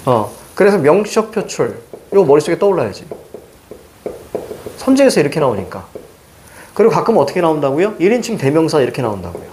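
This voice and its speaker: A middle-aged man teaching Korean literature for exams, lecturing in a lively way and firing quick questions at his students. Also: a little high, slight background noise. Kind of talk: exam-prep lecture.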